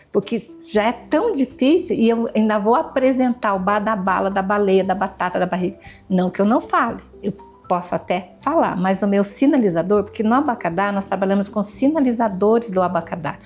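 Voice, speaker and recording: A woman's voice: medium pitch, animated, brisk, darkish tone, soft background music. A woman educator, a guest in an interview, explaining her method in a patient, teacherly way and repeating examples.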